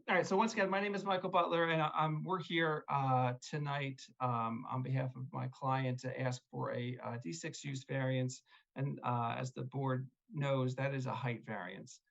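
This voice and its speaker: A man with a gravelly, mid-range voice represents the applicant as attorney in a zoning hearing on a video call. He comes across polite and hesitant with plenty of fillers, heard through dull, lo-fi call audio.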